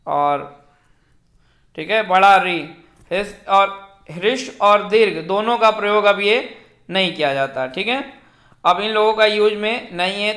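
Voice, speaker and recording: Male teacher, high bright voice, slow drawn-out recitation, echoey room. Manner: slow, repetitive, fills with "ठीक है" and "जो है"; draws out vowels when reciting them. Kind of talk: exam-prep Hindi grammar lecture.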